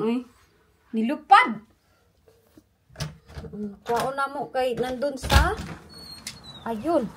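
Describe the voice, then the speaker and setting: A woman with a high voice talks slowly to her pet, switching between gentle baby talk and playful scolding. The recording is noisy, with a vehicle heard behind her. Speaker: vlogger. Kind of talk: casual chat with a pet.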